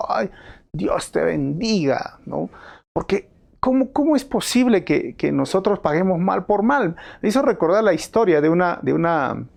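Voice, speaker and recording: A man with a Peruvian Spanish accent preaching a sermon as pastor, earnest and swinging between hushed and emphatic lines. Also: a little high, creaky.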